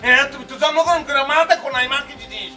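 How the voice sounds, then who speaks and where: A fast-talking, hot-headed Sylheti son, high and sharp-toned, with theatrical ranting. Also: male voice, faint music behind. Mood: indignant. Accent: Sylheti Bengali. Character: hot-headed grown son defending his mother. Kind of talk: comic village drama.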